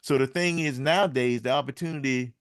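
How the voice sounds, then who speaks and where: A man's voice: mid-range voice, fairly quick, smooth, dry recording, studio quality. A man speaking casually on a music business panel, rambling and addressing the audience as y'all.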